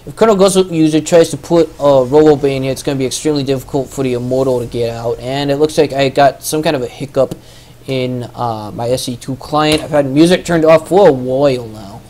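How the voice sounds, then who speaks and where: Mellow rambling male game caster. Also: mid-range voice, fairly quick, a little hiss or hum. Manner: rambling, joking, loose. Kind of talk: casual esports commentary.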